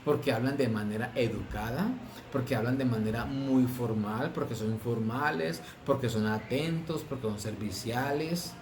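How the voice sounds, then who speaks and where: A man's voice: mid-range voice, noisy background. Preaching man in an echoey room. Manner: preaching with drawn-out stresses and rhetorical questions. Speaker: pastor. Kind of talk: sermon.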